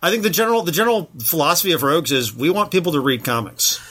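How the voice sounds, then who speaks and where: A man co-hosting a casual podcast, talking quickly and upbeat about running a comic shop. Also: fairly high pitch, lively intonation, over a noisy crowd.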